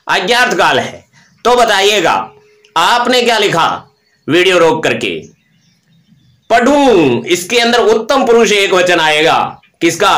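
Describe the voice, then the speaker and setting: Male teacher, high voice, recites forms and quizzes himself; roomy echo. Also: a bit bright. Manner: drills verb forms aloud, asks and answers his own questions. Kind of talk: live online grammar lesson.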